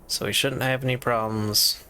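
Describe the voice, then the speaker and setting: A man's voice: mid-range voice, steady tone, moderate pace, pushed and bright. A man chatting casually to himself as he streams a game, rambling about his inventory and stream problems. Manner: rambling, talks to himself while playing. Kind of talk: casual gameplay commentary.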